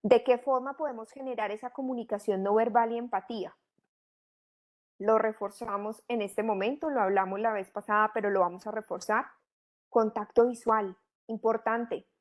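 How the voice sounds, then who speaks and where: A woman's voice: a little high, steady tone, moderate pace. Woman teaching a training course. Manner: didactic, asks rhetorical questions. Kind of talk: online training lecture.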